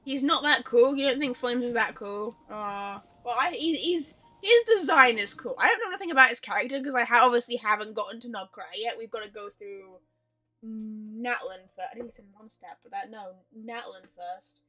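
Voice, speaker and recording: A woman with a fairly high, pushed and bright voice talks at a moderate pace. She's livestreaming a video game, chatting casually, rambling and playful, with some loose swearing.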